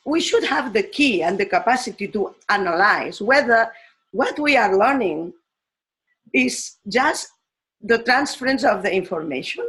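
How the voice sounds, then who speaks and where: A woman from Spain, a teacher giving a slow, thoughtful talk on education, pausing often and restarting her phrases. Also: medium pitch, lively intonation, fairly bright tone, rough recording. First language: Spanish.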